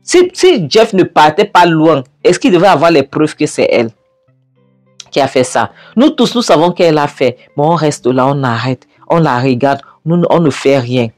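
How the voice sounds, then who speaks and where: A woman's voice: sits low, big pitch swings, moderate pace, darkish tone, dry recording, faint music behind. A woman retelling a film scene by scene with emphatic, indignant commentary.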